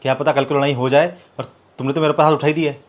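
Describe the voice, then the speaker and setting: A man's voice: mid-range voice, flat delivery, rapid-fire, natural voice. An actor playing a proud young man who argues defensively with his partner, then turns cold and bitter. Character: young man, proud, hurt, coldly walking out. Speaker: live-in partner. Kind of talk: scripted short-film acting.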